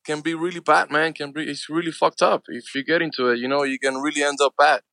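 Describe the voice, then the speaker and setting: A quick-talking actor and filmmaker in his 40s, a native Spanish speaker with a Cuban accent, speaks with earnest conviction in a casual interview, constantly dropping "man" and "you know". His voice is fairly high, steady, gravelly and sharp-toned. The sound is close and dry, with no echo or room around it.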